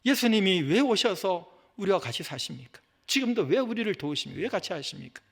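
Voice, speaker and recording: A middle-aged male pastor delivers a sermon in a church sanctuary. His voice sits fairly high for a man and leaps around with great animation. He swings between loud bursts and hushed, soft asides. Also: sing-song, a little fast, gravelly. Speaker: senior pastor.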